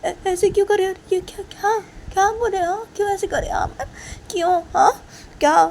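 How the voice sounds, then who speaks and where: A woman's voice: a little high, lively intonation, normal speed, vocal fry, mellow, a little hiss or hum. Woman doing a tearful, whiny young student. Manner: whiny, repeats questions, crying. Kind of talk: storytelling role-play.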